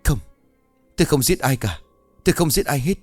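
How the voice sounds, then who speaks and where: A man's voice: mid-range voice, lively intonation, moderate pace, no echo, soft background music, voice pushed up, lightly acted. A man voicing a shaken old grandfather who cries out in fear and later mutters weakly. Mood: terrified. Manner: frantic when shouting, faint and breathy when whispering.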